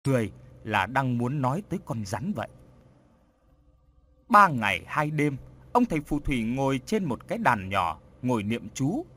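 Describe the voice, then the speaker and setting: A man narrating a ghost story in an expressive, dramatic way. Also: medium pitch, moderate pace, long pauses. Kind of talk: audiobook horror story narration.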